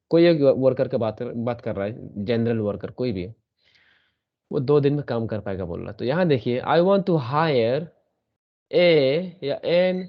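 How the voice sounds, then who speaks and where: A mid-range male voice leads an online English grammar lesson, repeating sounds over and over and checking understanding with questions. The highs in the recording are cut off.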